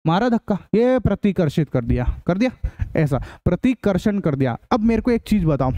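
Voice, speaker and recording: A man's voice: high voice, big pitch swings, normal speed, dark tone, no echo. A male teacher giving a science lesson, repeating points and quizzing students with questions as he explains.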